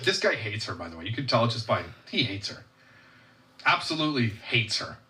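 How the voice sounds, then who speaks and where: A man hosting a reaction commentary, blunt and mocking as he talks over clips. His voice is bright and swings up and down a lot. He sits a little far from the microphone. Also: on the low side, big pitch swings, fairly quick. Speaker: commentary show host.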